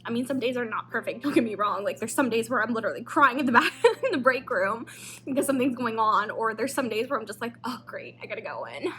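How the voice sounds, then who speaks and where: High-voiced, emotional young woman vlogger. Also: quick pace. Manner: chatty, excitable, emotional. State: close to tears. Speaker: vlogger, theme park employee. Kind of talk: casual emotional vlog chat.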